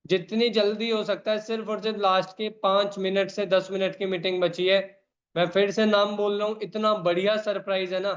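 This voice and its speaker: A man with a fairly high voice hosts an online meeting over a video call. He calls out names and pushes people along with emphatic repetition. The sound comes through dull, lo-fi call audio. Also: level tone, moderate pace.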